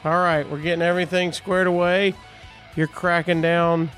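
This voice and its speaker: A man co-hosting a casual snack-tasting show, talking in a playful, joking way with quick asides. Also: fairly high pitch, level tone, a bit bright, soft background music. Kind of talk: casual chat.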